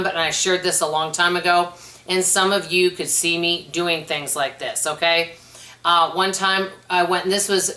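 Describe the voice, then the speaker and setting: A chatty woman answering viewer questions at home in a casual vlog, telling stories in a lively way. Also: on the low side. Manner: chatty, animated storyteller. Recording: roomy echo.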